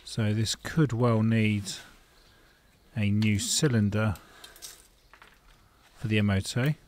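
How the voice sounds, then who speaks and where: A man's voice: lowish voice, takes it slowly, a little mellow. Middle-aged man, home mechanic, casual wry garage narration, faint background noise. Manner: wry, frank, thinking aloud with fillers. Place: indoor garage workshop. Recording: faint noise and tool clicks.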